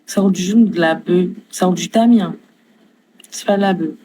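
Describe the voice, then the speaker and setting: A woman's voice: on the low side, normal speed, dark tone, slight background noise, poor audio. A woman casually chatting on her live stream, talking in loose slang, swearing freely, answering her chat and fumbling for English words.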